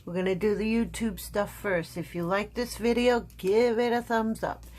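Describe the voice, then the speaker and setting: A woman's voice: mid-range voice, steady tone, normal speed, a little mellow. An American woman hosting a craft vlog, talking casually and rambling with many ums and restarts, sounding frustrated at times. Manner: frustrated, complaining. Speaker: craft channel host.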